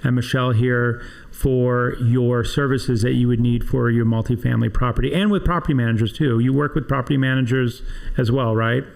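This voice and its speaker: A man hosts a casual podcast interview, his voice carrying a gravelly edge. He talks in loose, rambling sentences, restarting often as he chats with his guest. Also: medium pitch, steady tone, fairly quick, darkish tone. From Southern California. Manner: chatty, rambling, many restarts. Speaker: podcast host for a trade association.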